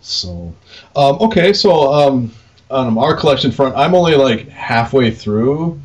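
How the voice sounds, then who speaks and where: His mid-range voice is sing-song and unhurried as he co-hosts a podcast, rambling informally about the arcade game business with a bit of mildly crude slang. It's unscripted shop talk captured on a dull, lo-fi recording.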